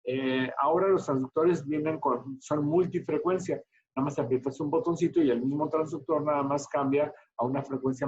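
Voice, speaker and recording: Animated doctor teaching class. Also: male voice, fairly high pitch, highs cut off. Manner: chatty, animated, quizzing students. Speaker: medical teacher. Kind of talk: online class storytelling.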